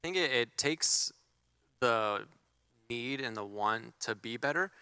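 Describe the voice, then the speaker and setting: Male guest, bright and smooth voice, measured and thoughtful. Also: mid-range voice, animated, no echo. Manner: thoughtful, halting. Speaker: panel guest. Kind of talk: casual panel chat.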